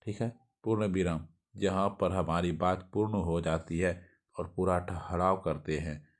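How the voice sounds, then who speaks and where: A man with a Bihari Hindi accent runs through grammar notes for an exam revision lesson. His voice sits very low. He stumbles, restarts, and keeps checking in with a quick "okay" as he reads. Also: fairly even intonation. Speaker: teacher.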